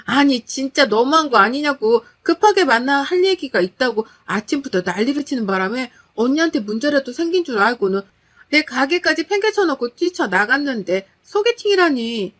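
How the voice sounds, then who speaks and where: A woman's voice: a little high, animated, moderate pace. A woman voicing an upset, tearful younger sister, a young woman complaining in exasperation. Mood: tearful complaint.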